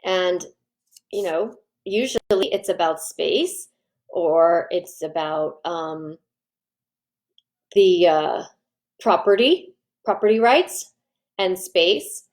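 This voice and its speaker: A woman coaching parents in a live online training, chatty and lively, often acting out what parents and kids say. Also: on the low side, slow, long pauses. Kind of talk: live online training, answering viewer questions.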